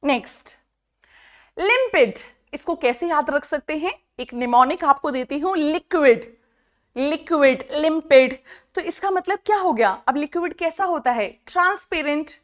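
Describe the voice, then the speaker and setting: A woman's voice: high voice, lively intonation, measured pace, fairly bright tone. A woman teaching exam vocabulary in an online lecture, mixing Hindi and English and quizzing the class with repeated rhetorical questions.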